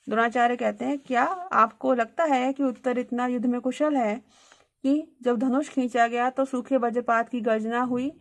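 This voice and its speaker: Higher-voiced woman teaching Sanskrit verses. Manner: reads Sanskrit verses, then translates and explains them. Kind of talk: explaining a Sanskrit play line by line.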